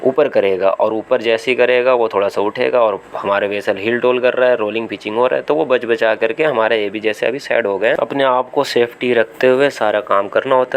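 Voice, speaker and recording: A man's voice: medium pitch, a little hiss or hum. A man with an Indian Hindi accent giving casual commentary over phone footage from a small vessel at sea, thinking aloud with restarts and fillers. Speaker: seafarer vlogger. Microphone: phone camera.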